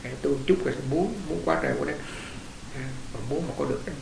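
A man's voice: on the high side, lively intonation, racing, creaky. A man, a Buddhist monk giving a conversational dharma talk, telling stories and putting questions to his listeners. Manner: conversational, storytelling, asks the audience questions. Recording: echoey room with faint hiss.

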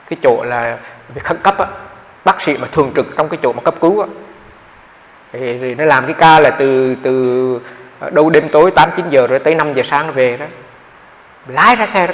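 A man, a Buddhist monk telling a story in a dharma talk, with quoted dialogue and halting repetitions. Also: on the high side, fairly bright tone. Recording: dull, hall reverb.

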